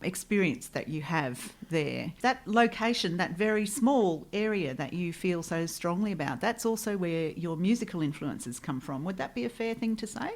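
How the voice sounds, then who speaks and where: A woman from Australia hosts a radio interview in a slightly low voice. She frames her questions at length and sounds interested in the answers. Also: expressive, moderate pace, few pauses, darkish tone. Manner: interested, asks long framing questions. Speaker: radio host.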